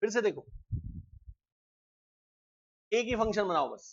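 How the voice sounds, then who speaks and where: A man teaching a live programming class, explaining step by step and often asking students quick check questions. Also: sits high, very animated, gravelly, dull audio. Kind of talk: live classroom coding lecture.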